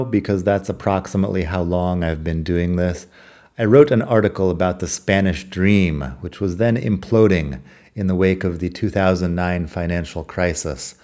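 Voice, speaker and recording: A middle-aged American podcast host reads a personal essay he scripted himself, sounding wry, self-deprecating, and reflective. His voice is deep and a little mellow.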